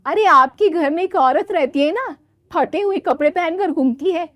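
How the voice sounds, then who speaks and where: A woman's voice: very high voice, moderate pace, a bit bright, no room sound, voice pushed up. A woman voicing an officious busybody neighbour in a cartoon story, matter-of-fact and meddling.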